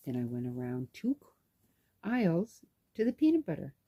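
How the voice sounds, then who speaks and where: A woman's voice: mid-range voice, normal speed, vocal fry, husky, no echo. A woman vlogger casually telling a story in a chatty way, acting out what people said. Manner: chatty, animated, acts out dialogue. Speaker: knitting vlogger and caregiver.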